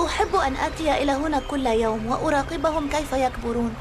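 Woman as resigned young boy, high and fast talking, music underneath. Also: natural voice. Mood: resigned, wistful. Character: young city boy on summer stay, resigned.

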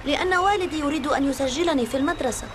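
A woman's voice: sits high, rapid-fire, background noise, lightly acted. A woman playing a young, resigned schoolboy on a summer stay in a film drama. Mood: resigned, wistful.

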